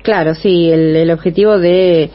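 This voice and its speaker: A woman hosting a live radio program, brisk and upbeat. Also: lowish voice, fairly even intonation. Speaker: radio host. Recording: dull radio sound with faint music.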